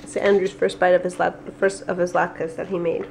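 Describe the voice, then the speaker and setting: A woman's voice: lowish voice, flat delivery, brisk, gravelly. A woman, a mother filming a family home vlog, talking openly and emotionally. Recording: noisy home camera audio.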